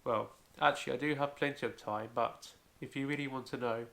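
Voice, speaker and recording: A man's voice: medium pitch, fairly even intonation, a little fast, vocal fry, a bit bright. A man hosting a home-made language tutorial, explaining carefully step by step and often starting with "so". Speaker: language video host.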